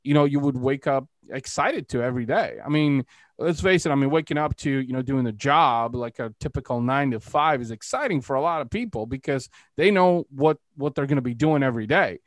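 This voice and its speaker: An Eastern European man, a podcast host and entrepreneur, conducts an interview in a casual, rambling style, often saying "you know" and other filler phrases. His voice is medium-pitched and fairly quick, with no echo.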